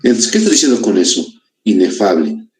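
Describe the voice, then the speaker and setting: With a lowish, sing-song and slightly mellow voice, a Bolivian man lectures exam applicants on literature. He builds his explanation step by step, deliberately lengthening key words and peppering it with rhetorical questions and many tag questions.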